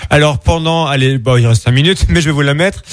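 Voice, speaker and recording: A man's voice: a little high, fast talker. A man hosting a live radio show, chatty and loose as he sets up the improv games.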